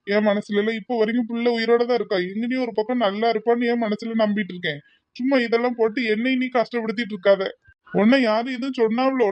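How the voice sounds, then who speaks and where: Give me a man playing a grieving old husband, pleading and scolding gently. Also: extremely high pitch, dry recording. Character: grieving elderly husband comforting his wife. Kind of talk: cartoon voice acting. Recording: dull lo-fi dry recording.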